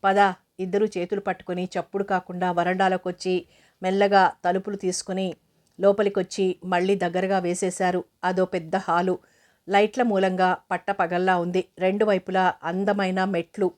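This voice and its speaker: Steady, flat-voiced woman narrating a novel. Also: lowish voice, normal speed. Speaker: audiobook narrator.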